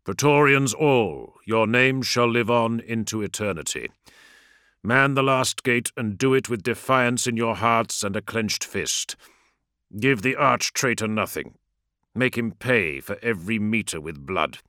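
A man's voice: mid-range voice, expressive, unhurried, bright, forceful tone, no echo, studio quality. A man voicing a grim male warrior king, delivering a solemn, commanding rallying speech.

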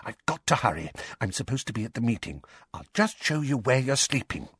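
Guy doing a fussy motherly witch lady, hushed and urgent, higher voice, bouncy. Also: big pitch swings, fairly quick, slightly rough, no echo, clean studio sound, full character voice. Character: bustling motherly witch, middle-aged woman.

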